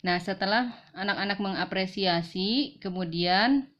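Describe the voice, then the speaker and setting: A woman teacher calmly explaining an online lesson, speaking slowly and carefully with frequent pauses and fillers. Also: medium pitch. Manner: slow, careful, apologetic with fillers. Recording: dull lo-fi recording.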